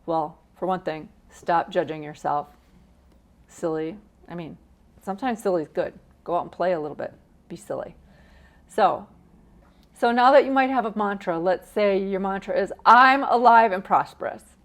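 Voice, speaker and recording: A woman's voice: on the low side, moderate pace, long pauses. A middle-aged woman giving a casual, encouraging motivational talk to camera, acting out the phrases she quotes with gusto. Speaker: personal finance vlogger.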